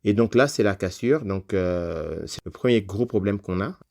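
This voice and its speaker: A man with a somewhat low voice recounts a personal story as a podcast guest. He talks in a loose, conversational way, dropping fillers as he goes. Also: animated, moderate pace, creaky, darkish tone.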